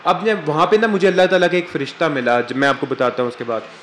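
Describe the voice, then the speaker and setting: A man's voice: fairly high pitch, expressive, fast, a bit bright, a little hiss or hum. A man from Pakistan, giving an earnest religious talk and telling a personal story with emotion. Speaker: religious speaker. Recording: echoey room, faint ambience.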